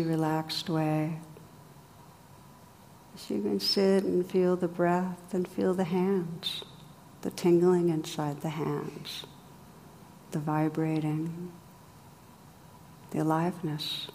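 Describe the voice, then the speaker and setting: A woman guides a meditation in a low, even, unhurried voice. She speaks softly and gently, leaving long pauses between phrases. A long reverb trails her words over a faint ambient hum. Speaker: meditation teacher.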